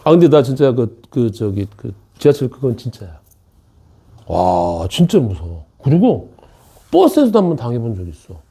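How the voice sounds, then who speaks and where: A man's voice: medium pitch, sing-song, moderate pace, mellow, husky. A man teaching a math class in an academy classroom, joking around, repeating key points and checking in with the students. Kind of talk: classroom lecture.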